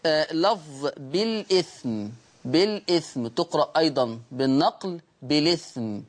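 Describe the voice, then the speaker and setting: A man with an Egyptian accent hosting a Quran recitation lesson, patiently explaining rules and repeating each point twice. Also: on the high side. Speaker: Quran recitation teacher and host.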